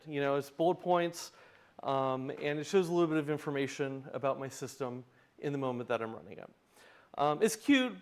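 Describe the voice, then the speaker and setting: A man presenting a live demo in a tech lightning talk, with wry, self-deprecating humor. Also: fairly high pitch. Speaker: tech conference speaker, open source project founder.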